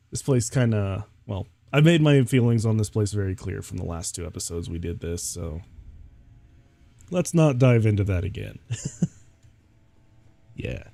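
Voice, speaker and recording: Man, low mellow voice, sleepy, stuffy nose, giggly gaming commentary. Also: expressive, slow pace, creaky, long pauses. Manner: giggly, rambling. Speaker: streamer.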